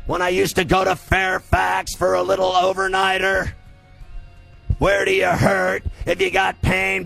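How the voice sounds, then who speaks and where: A man hosting a sports radio show in a loud, scratchy, gravelly voice, boastful and verbose, often yelling. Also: on the high side. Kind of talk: brash sports radio monologue.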